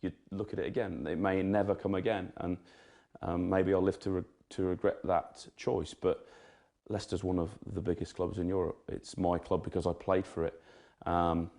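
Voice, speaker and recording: A man's voice: low-pitched, level tone, moderate pace, creaky, darkish tone. A man in his forties from England, a rugby coach answering interview questions hesitantly, with many ums and laughing asides.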